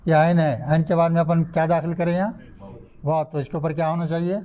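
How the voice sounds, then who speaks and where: A man's voice: on the high side, level tone, dark tone, poor audio. An older man from India, teaching a grammar class in a mosque. He quizzes his students and sounds out word patterns syllable by syllable. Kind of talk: classroom lecture.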